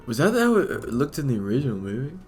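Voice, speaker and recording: A man's voice: mid-range voice, big pitch swings, quick pace, a little mellow, soft background music. A man animating at his computer, talking to himself in a rambling, fretful way with many restarts. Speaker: animator and video creator. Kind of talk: casual self-talk while working.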